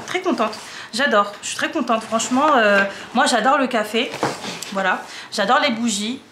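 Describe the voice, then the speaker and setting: A young French woman chatting casually and rambling through an unboxing vlog at home, with a slight cough. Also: on the high side. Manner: rambling, lots of fillers and repeats. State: coughing a little. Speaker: vlogger. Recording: roomy echo, faint hum.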